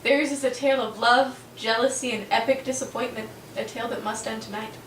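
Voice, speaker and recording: A woman's voice: on the high side, fairly even intonation, a little fast, fairly bright tone, a little hiss or hum. A woman playing a board game, reading character cards aloud in a playful, giggly way. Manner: giggly, playful, stumbles on foreign words. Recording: roomy, distant mic.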